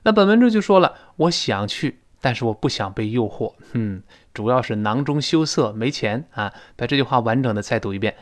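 In an animated, medium-pitched voice, a Mandarin-accented male teacher runs a spoken English class. He explains with patience and models phrases slowly so the students can say them back.

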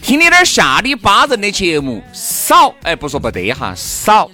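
A man's voice: high voice, wildly swooping pitch, moderate pace, sharp tone, soft background music. A man with a Sichuan accent hosting a radio show in a jokey, teasing way. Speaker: radio host. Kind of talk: bantering talk show chat.

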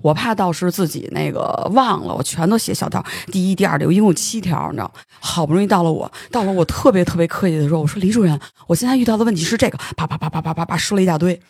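A host tells a long story in casual studio chat, words tumbling out quickly and sometimes stammering. The voice is husky and breathy. The sound is dry and close to the mic. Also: mid-range voice, no room sound. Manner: animated storytelling, stammers when excited. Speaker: podcast host.

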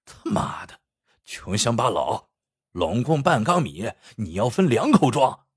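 A man voicing a brutal, foul-mouthed mountain bandit in a spoken story, gruff and cursing. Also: mid-range voice, sing-song, a little slow, dry recording, clean studio sound, exaggerated voice. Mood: snarling.

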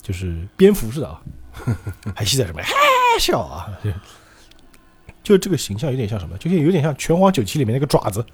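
A man's voice: medium pitch, fast, slightly rough. A man hosting a casual podcast, retelling a comic story with laughs and acted-out quotes. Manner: animated, laughs often, acts out the quotes. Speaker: podcast host.

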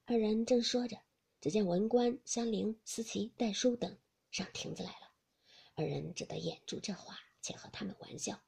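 A woman reading a classic novel aloud as a narrator, with soft, breathy, half-whispered narration. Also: medium pitch, normal speed. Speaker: audiobook narrator.

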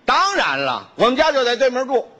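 Brash high-voiced man. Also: huge pitch swings, fairly quick, sharp tone. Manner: brash, boastful bragging delivery. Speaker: crosstalk performer. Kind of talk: crosstalk comedy on stage. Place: stage before a live audience.

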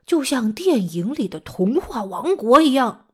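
A woman with a fairly high, sing-song voice, a little slow, a little mellow and slightly rough, hosts a children's lesson. She tells stories as if reading to a young child, with exaggerated emphasis and lots of questions. She is a children's teacher and storytelling show host, delivering animated stories for little ones.

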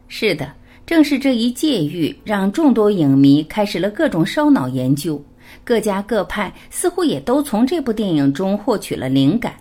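Animated woman reading an interview aloud. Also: mid-range voice. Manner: reads both sides and the speaker labels aloud.

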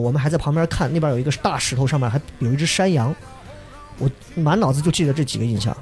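Guy rattling off a wild story, high lively voice, quiet music under. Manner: acts out shouts and quoted voices, imitates sounds. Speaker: storyteller guest. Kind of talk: casual chat, animated storytelling.

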